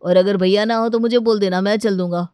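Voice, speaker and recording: A woman's voice: mid-range voice, fairly even intonation, fairly quick, warm tone, smooth, no echo, studio quality, lightly acted. Easygoing cartoon son, shrugging everything off played by a woman. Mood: laid-back. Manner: lazy, dismissive. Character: laid-back young adult son.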